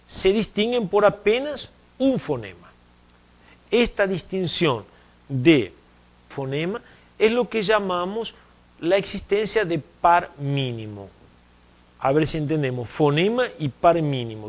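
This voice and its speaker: Explanatory man lecturing on phonology. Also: high voice. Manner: explanatory, repeats key terms, checks understanding with "¿eh?". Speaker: university Spanish lecturer. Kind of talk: recorded distance-learning lecture.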